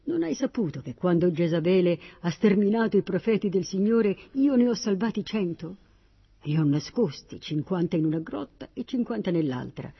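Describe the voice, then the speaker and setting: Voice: mid-range voice, lively intonation, moderate pace, creaky, breathy edge. A reader voicing a fearful, loyal male royal steward in a read-aloud Bible story, pleading anxiously. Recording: dull lo-fi recording.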